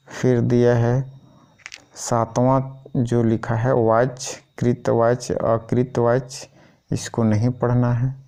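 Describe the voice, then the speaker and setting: A man's voice: mid-range voice, dark tone. A man going through a school syllabus item by item in an informal teaching style, often checking in with the listener. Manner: keeps repeating "thik hai" as a check-in.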